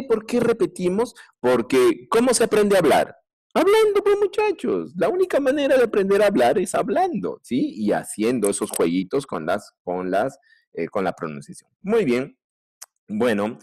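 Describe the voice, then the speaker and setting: A man's voice: medium pitch, a little mellow. A man teaching a primary school English class online with a Peruvian Spanish accent, drilling pronunciation through repetition. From Peru.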